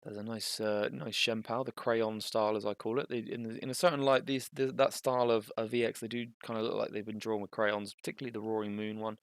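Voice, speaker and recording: A young man giving casual, thinking-aloud commentary on a card game match, with bursts of excitement. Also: lowish voice, quick pace, few pauses, no room sound, clean studio sound.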